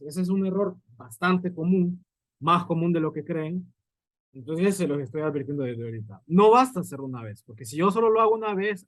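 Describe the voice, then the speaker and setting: Guy teaching physics, slightly high voice, dry close sound, patient, keeps checking ya follow. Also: fairly bright tone, no echo, rough recording. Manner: patient, explains step by step, checks in with listeners. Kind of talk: recorded lecture at a writing board.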